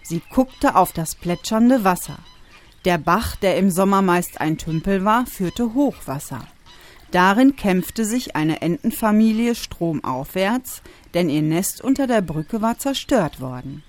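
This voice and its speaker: A woman reading a children's story aloud with expressive storytelling. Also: medium pitch, unhurried. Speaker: narrator.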